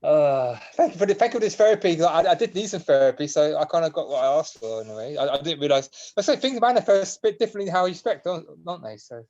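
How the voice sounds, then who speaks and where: A man's voice: a little high, animated, fast talker, few pauses, a little mellow, lo-fi sound. A man chatting on a video call, rambling and emotional, often laughing as he talks. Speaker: guest on a community video call. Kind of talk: casual chat.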